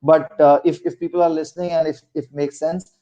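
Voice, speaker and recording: This senior corporate executive, a middle-aged interview guest from Maharashtra with a Marathi Indian accent, has a slightly high, dark voice that barely moves in pitch and runs a little fast. The audio is dull. He shares career advice via anecdotes, emphatic and chatty, repeating phrases to stress them.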